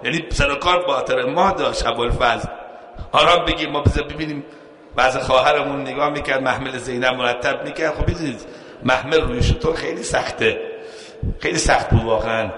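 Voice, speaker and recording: A man's voice: mid-range voice, noisy background. A man preaching a sermon in Persian, telling a story with quoted speech, chanted verse and rising emphasis. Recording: echoey hall.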